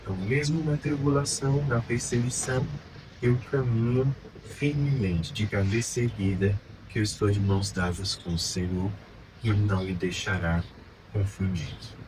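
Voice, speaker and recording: Brazilian male priest, earnest exhorting homily, low voice, heard from a distance over steady noise. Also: moderate pace. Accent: Brazilian Portuguese. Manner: earnest, exhorting, rhetorical questions. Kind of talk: homily at Mass. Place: church during Mass. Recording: distant mic with background noise.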